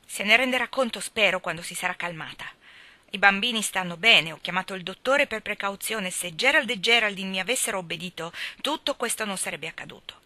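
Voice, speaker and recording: A woman voicing a young teacher in an audiobook, speaking in a cold, measured, firm way. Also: medium pitch, animated, sharp tone, no room sound.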